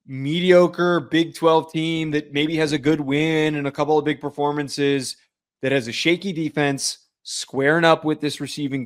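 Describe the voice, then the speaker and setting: Man, new jersey, podcast co-host, analytical, confident picks, slightly high voice. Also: a bit bright. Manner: analytical, confident betting takes. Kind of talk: casual sports picks chat.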